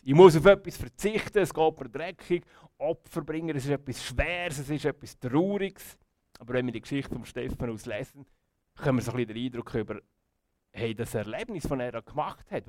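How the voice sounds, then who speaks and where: A man's voice: medium pitch, dry recording. A man with a Swiss German accent giving a children's devotional talk. He speaks casually and conversationally, often dropping in "hey" and "gell". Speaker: youth preacher.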